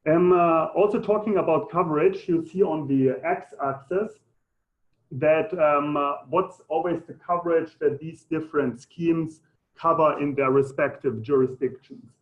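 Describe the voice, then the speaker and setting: German guy giving a talk, bit high voice, lots of hesitating, muffled phone-line sound. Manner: halting, hesitant delivery. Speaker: presenter. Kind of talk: informal conference presentation with audience questions.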